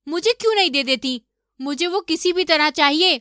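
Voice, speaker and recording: A grasping young cartoon wife, voiced by a woman, wheedling and demanding. Her voice is very high, and the sound is dry and close. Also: expressive, normal speed, pushed and bright, no echo.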